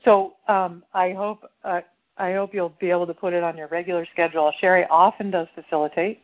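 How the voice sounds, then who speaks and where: A woman's voice: on the low side, fairly even intonation, fairly quick, dull audio. A woman facilitating a call-in radio show, chatting with callers in an encouraging, affirming way. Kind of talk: casual call-in radio conversation.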